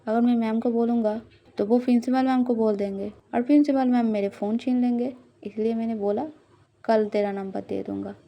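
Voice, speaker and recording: A woman voicing a chatty, cautious schoolboy who talks quickly in an audio love story. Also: on the high side, fairly even intonation, vocal fry, dull audio. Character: young male schoolboy friend, chatty and cautious.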